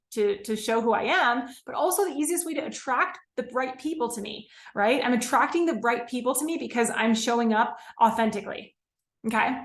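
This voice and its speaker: This is a young woman, a business coach, talking casually on a live stream. Her voice sits fairly high, and she fills her points with "like", "okay?" and "right?". The sound is roomy, with a clear echo around her. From California. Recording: echoey room.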